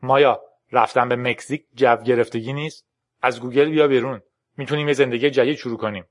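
A man's voice: medium pitch, steady tone, no echo, studio quality, lightly acted. A man reading a storybook's lines for an anxious young man, uneasy and pleading.

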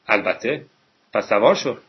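A man voicing a shy, awkward teenage boy in a quiet, hesitant way, close to his own husky voice. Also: fairly low pitch, lively intonation, close to an everyday voice. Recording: dull lo-fi recording.

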